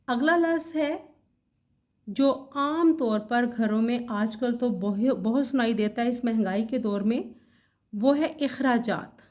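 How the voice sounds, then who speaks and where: A woman with a slightly higher voice gives a vlog lesson on correct pronunciation. She spells out words letter by letter in a careful, measured way. Now and then she corrects herself with a casual aside. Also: a little mellow. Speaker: Urdu language teacher.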